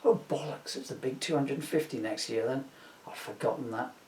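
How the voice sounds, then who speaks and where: A man's voice: mid-range voice, fairly quick, darkish tone, lightly acted. A man voicing a sardonic, henpecked, foul-mouthed Christmas ghost in a comic audiobook, rambling and complaining in mock-archaic words. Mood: grumbling. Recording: roomy, echoey, distant microphone.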